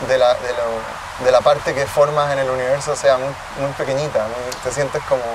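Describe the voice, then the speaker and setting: Recorded on a distant camera mic with city traffic around him, a guest tech cofounder in his thirties speaks with a Chilean Spanish accent. He's outdoors under a tree in a city park, reflecting on interview questions and often restarting phrases. His mid-range voice keeps a fairly even intonation at a moderate pace.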